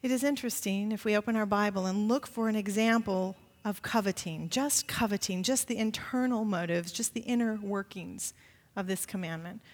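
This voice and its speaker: A woman pastor preaching a sermon, retelling a scripture story with animated emphasis. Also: a little fast. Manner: expressive storytelling, rising pitch for emphasis. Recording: long reverb of a large hall.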